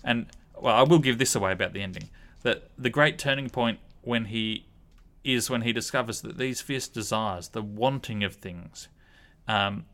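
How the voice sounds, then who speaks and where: A man's voice: mid-range voice, bright, forceful tone. Thoughtful man leading a Bible discussion. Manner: thoughtful, measured, with frequent ums. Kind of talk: reflective group discussion.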